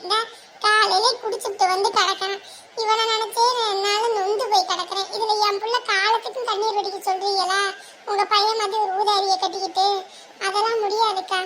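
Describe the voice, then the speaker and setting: A woman's voice: very high-pitched, background noise. An actress playing a weary mother who firmly refuses a marriage proposal for her daughter in a family drama. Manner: pleading yet firm, sends guest away. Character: weary mother fed up with her drunk husband.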